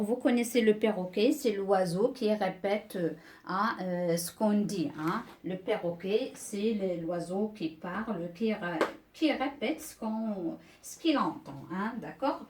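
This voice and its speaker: A woman's voice: mid-range voice, a little slow, a little mellow, distant mic. A woman teacher giving a beginners' reading lesson, patiently repeating words and syllables one by one. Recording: echoey room, voice off-mic.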